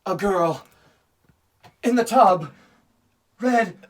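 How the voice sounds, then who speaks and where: A man voicing a theatrical male psychic in a slow, hushed, portentous way. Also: high voice, recorded from a distance, pitched above the performer's own voice. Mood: solemn.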